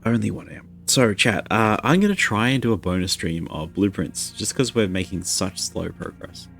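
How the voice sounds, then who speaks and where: A man's voice: on the low side, lively intonation, normal speed, gravelly, fairly bright tone, faint music behind. A man streaming a video game live, chatting casually and rambling to his viewers. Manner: rambling, chatty, self-deprecating.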